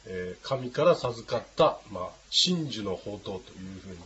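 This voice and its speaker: Guy teaching a language class, kinda low voice, patient, lots of uh's, faint background noise. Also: lively intonation, moderate pace, a bit bright, dull audio. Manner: patient, many hesitation fillers.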